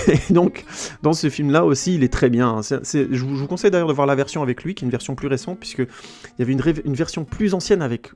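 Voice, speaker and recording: A man's voice: fairly high pitch, fast, darkish tone. A man hosting a podcast, giving a casual spoken film review, chatty and digressive, often stopping to search for a word. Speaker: film critic podcast host.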